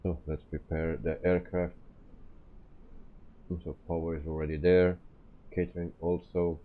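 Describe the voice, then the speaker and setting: Very deep, slow-talking man streaming, dull sound. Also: flat delivery. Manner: hesitant, explaining step by step. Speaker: flight simulator live streamer. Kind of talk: casual game commentary.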